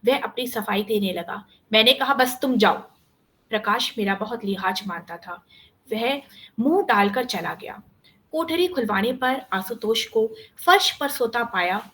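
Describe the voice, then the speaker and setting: A woman with a bright, sharp tone reads a short story aloud in an expressive way. Her pitch sits a little high and climbs further whenever she acts out a line of dialogue, heard over a video call. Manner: expressive reading, raises her voice for quoted lines.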